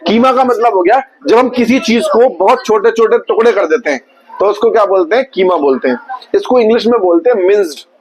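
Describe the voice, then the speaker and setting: A male teacher giving a classroom vocabulary lesson, quizzing his students and slowly repeating each word. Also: high-pitched, slight background noise, low-quality recording.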